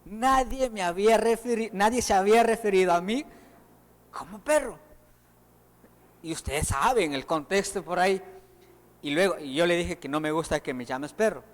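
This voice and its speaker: Preacher, male, high voice, lively sermon delivery, long church-hall reverb. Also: normal speed, long pauses. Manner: animated, acts out quoted voices.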